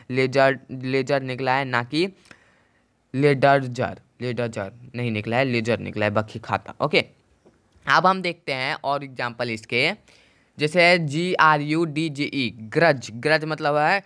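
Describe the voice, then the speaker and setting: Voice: medium pitch, pushed and bright, clear, resonant tone, no room sound, clean studio sound. A teacher giving a Hindi-language spelling lesson, who spells each word letter by letter and then repeats every point. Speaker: English teacher.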